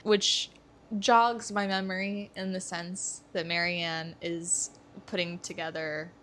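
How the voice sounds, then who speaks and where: A woman's voice: on the low side, little pitch movement, takes it slowly, fairly bright tone. A young woman co-hosting a casual book-discussion podcast, eager and thinking aloud as she talks. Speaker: podcast co-host.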